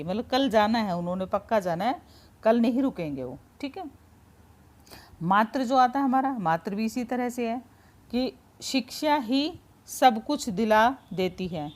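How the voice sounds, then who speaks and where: A woman with a fairly high voice teaches a grammar lesson in a relaxed, informal way. She explains patiently, gives many everyday example sentences, and keeps checking in with her students.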